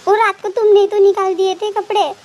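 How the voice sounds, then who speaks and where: A woman's voice: extremely high pitch, level tone, a little fast, a little mellow, pitched above the performer's own voice. A woman voicing a drowsy, teasing young man in a storytelling fan fiction.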